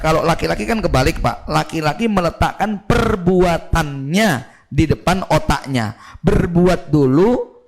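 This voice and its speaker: A man giving a conversational religious lecture as a preacher, often turning to the audience with asides. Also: on the high side. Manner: chatty, animated, often turns to the audience with asides. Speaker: Islamic preacher.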